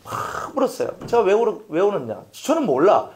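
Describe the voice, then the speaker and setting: A man pastor preaching a sermon, emphatic and repetitive, asking the congregation rhetorical questions and dropping from loud appeals to near-whispers. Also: sits high, huge pitch swings, moderate pace.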